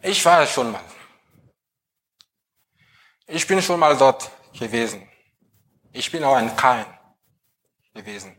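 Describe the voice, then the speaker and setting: A man preaching a sermon, putting slow, emphatic questions to the congregation. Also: medium pitch, expressive, fairly bright tone.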